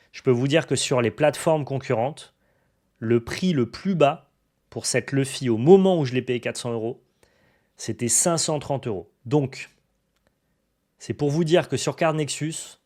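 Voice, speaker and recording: Chatty, enthusiastic French-speaking man. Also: medium pitch. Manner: enthusiastic, chatty, many fillers and restarts. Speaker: card collecting YouTuber. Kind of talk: casual unboxing chat to camera.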